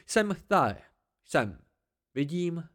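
A man's voice: on the high side, big pitch swings, a bit bright, voice pushed up. A man voicing an ancient, haughty tree-spirit oracle with a cold, dry, disdainful voice.

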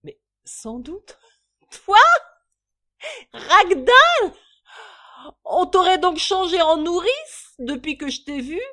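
A woman's voice: high voice, very animated, slow, fairly bright tone, voice pushed up, full character voice. A woman voicing a rowdy, slang-spouting drunken working-class man in a storybook reading. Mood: mocking. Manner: boisterous, slangy, hiccuping.

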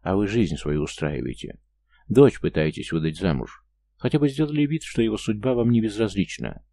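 A man's voice: lowish voice, expressive, normal speed, creaky, mellow. A man reading a harsh, bitter young man. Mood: bitter, accusing. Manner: harsh, cold, accusing. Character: angry grieving young man, loyal friend. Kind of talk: audiobook character reading.

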